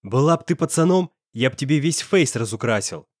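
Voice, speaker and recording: A man's voice: medium pitch, lively intonation, brisk, no room sound, studio quality, natural voice. A man playing an angry young male student who talks in a coarse, slangy, threatening way. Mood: menacing.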